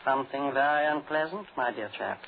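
An actor playing an exasperated radio actor who rehearses as a suave villain, in 1940s radio drama style. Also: male voice, mid-range voice, a little fast, gravelly, close to an everyday voice. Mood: suave, menacing. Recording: muffled, noisy 1940s radio recording.

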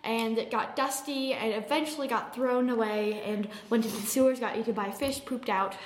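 A woman's voice: fairly high pitch, fairly even intonation, brisk, a little hiss or hum. A woman hosting a playful mock interview and quiz, giggling and singing little game-show jingles. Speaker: podcast host asking the questions.

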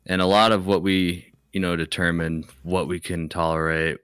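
A man's voice: deep voice, level tone, moderate pace, a bit bright, smooth, no room sound, clean studio sound. A man co-hosting a podcast, chatting casually in a rambling, reflective way. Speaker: podcast co-host. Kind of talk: casual group chat.

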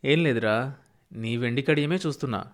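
A man voicing a proud, stubborn old farmer grandfather who speaks in a gruff, folksy village way. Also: mid-range voice, fairly quick, natural voice. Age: older.

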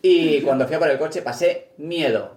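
A man hosting a casual podcast chat, talking in an animated, argumentative way with quick restarts. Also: on the high side. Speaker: podcast host. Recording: roomy echoey room.

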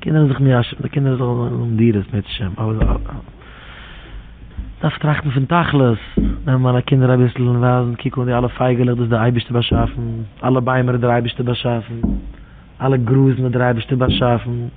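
A man tells loose, wandering religious stories, circling back to the same phrases again and again in a near chant. His voice sits at an ordinary middle pitch. The sound is thin and phone-like, with a faint hiss underneath. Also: little pitch movement, fairly quick. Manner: rambling, repetitive, chant-like phrasing. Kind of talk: informal religious storytelling. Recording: tinny phone-like audio with faint noise.

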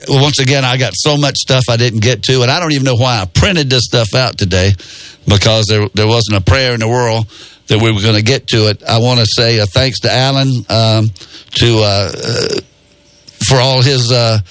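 A man's voice: medium pitch, steady tone, fairly bright tone, no room sound. A man hosting a radio show in a studio, talking in a folksy, rambling way. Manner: folksy, rambling with many pauses. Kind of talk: casual radio talk. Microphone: studio microphone.

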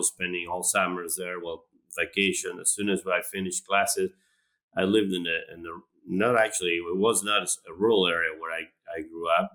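A man from Argentina, a guest speaking in a relaxed interview, talking with frequent restarts and fillers. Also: deep voice, rough recording. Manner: hesitant, many restarts and fillers. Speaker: animal science professor, guest. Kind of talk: conversational interview.

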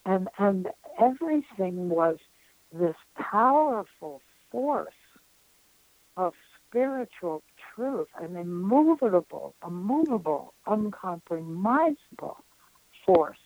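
A woman in her nineties, a spiritual counselor being interviewed, telling an experience in an earnest, reflective way with frequent pauses. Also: medium pitch, big pitch swings, darkish tone, no echo, highs cut off. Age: 90s.

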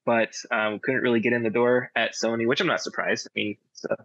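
The man, an audio drama director and sound designer, chats in an interview with an understated modesty. He speaks a little fast at a medium pitch with a level tone and slightly bright timbre, and the lo-fi recording sounds dull and dry, without echo.

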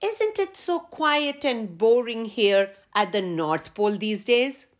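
Woman voicing a mischievous male elf, high voice, coaxing, bouncy storybook delivery. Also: animated, slow. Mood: playful. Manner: playful, coaxing. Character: naughty adventurous male Christmas elf.

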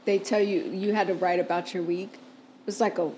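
A woman's voice: fairly low pitch, moderate pace, slight background noise, poor audio. A woman co-hosting a casual podcast chat, giggly and a little tipsy. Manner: giggly, relaxed, a bit tipsy. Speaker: podcast co-host.

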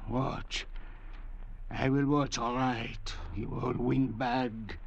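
An actor playing a bitter, suspicious castaway in a drama, volatile and menacingly mock-polite. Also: male voice, medium pitch, flat delivery, drawn-out words, gravelly, husky, dull audio, full character voice. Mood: sly, sardonic. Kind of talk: theatrical drama acting.

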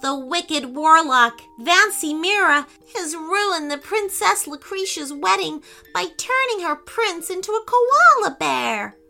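A bold, eager little girl, voiced by a woman, pitched high and bright with lively, swooping urgency. She speaks slowly and clearly, as in a storybook read aloud, with light music behind. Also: full character voice. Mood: earnest. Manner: urgent, encouraging.

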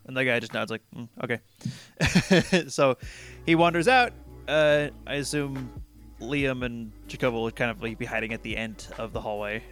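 A man narrating as game master in a tabletop game, with a relaxed, chatty way of talking. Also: medium pitch, normal speed, faint music behind. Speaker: dungeon master.

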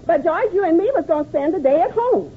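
A woman's voice: very high voice, lively intonation, fast talker. A woman playing a bossy, long-suffering wife in an old-time AM radio comedy, scolding and pleading theatrically. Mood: pleading, reproachful. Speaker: comic actress. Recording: muffled, noisy old radio with studio audience.

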